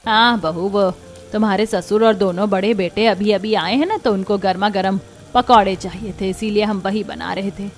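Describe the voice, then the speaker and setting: A woman voicing a meek, sorrowful older mother-in-law in a cartoon, speaking softly and quietly. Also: medium pitch, normal speed, close to an everyday voice. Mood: subdued. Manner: soft and subdued. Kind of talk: cartoon voice acting.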